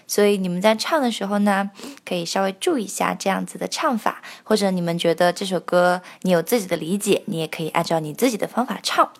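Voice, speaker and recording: A woman teaching the pronunciation of a song line by line, explaining patiently and singing phrases slowly to demonstrate. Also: medium pitch.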